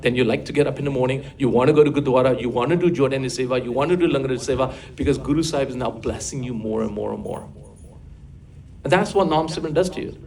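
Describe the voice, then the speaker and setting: Older man, fast-paced religious teacher, coaxing, asks the room questions. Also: medium pitch, darkish tone. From England. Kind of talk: classroom religious talk.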